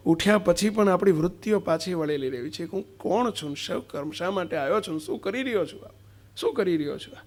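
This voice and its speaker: A man with a gravelly voice preaches a devotional sermon to a gathering. He often puts questions to his listeners and leans hard on his key points. His voice sits slightly high for a man. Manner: questioning, emphatic, acts out a street seller's cries.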